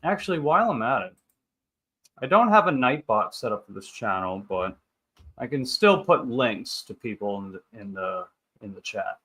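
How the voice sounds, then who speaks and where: A thirty-year-old livestream host talks with viewers in rambling, upbeat banter, reading and replying to their comments. His medium-pitched voice is husky and fairly bright, very animated, at a moderate pace.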